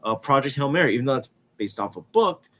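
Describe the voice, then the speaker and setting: A man's voice: medium pitch, expressive, fast talker, fairly bright tone. A man in his twenties with a cold and a stuffy, congested nose, giving a casual movie review and repeating phrases for emphasis. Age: 20s. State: has a cold. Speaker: film review podcast host.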